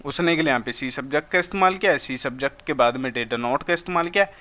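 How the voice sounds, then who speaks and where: A man explaining an English grammar lesson in a friendly, instructive way, reading example sentences slowly. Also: mid-range voice, pushed and bright. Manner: addresses listeners as brother, slow drawn-out example sentences. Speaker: English teacher.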